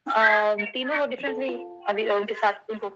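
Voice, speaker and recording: A woman's voice: a little high, a bit bright. A woman in an online class asks a question over a video call, hesitant and breaking off mid-sentence as her audio drops out. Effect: online call audio with dropouts. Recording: dull lo-fi call audio with dropouts.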